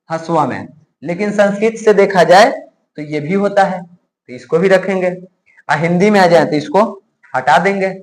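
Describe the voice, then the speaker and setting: Man, teacher, high-pitched voice, classroom lesson, repeats sounds slowly, keeps asking if students understand. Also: poor audio. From India. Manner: asks students frequent check questions.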